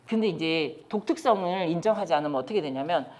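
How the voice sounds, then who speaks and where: A middle-aged South Korean woman, a child development lecturer, talks fast in a lowish voice. In a lecture room she gives a lively training lecture to caregivers, addressing the audience directly and putting questions to them.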